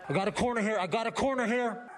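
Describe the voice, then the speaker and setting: High-voiced man barking police radio calls. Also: fast, a little hiss or hum. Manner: urgent, clipped radio-call bursts, raised and strained. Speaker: school protective officer. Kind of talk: police radio calls during a shooting drill. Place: active-shooter training simulator.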